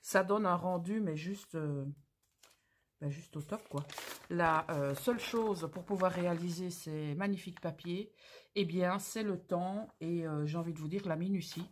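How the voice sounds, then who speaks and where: A woman's voice: fairly low pitch, measured pace, slight background noise. A woman hosting a craft channel, talking casually through an unboxing with gushing, exclamatory, slangy enthusiasm.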